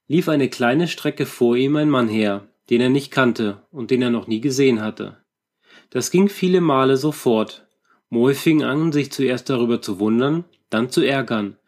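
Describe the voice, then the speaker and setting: A man narrating a folk tale in a calm, measured reading voice. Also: medium pitch. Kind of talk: storytelling reading.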